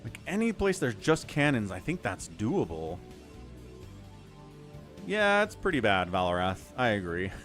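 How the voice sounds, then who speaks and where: Animated man casting a game. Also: fairly low pitch, measured pace, long pauses, faint music behind. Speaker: livestream game commentator. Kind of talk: casual esports commentary.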